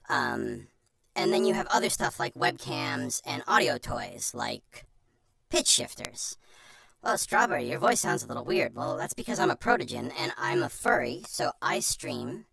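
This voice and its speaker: A streamer with an artificially pitch-shifted chipmunk voice gives an informal, self-deprecating how-to presentation in a chatty manner. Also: a bit bright, no room sound. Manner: chatty, self-deprecating, breaks off into muttered asides. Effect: pitch shifter giving a chipmunk voice.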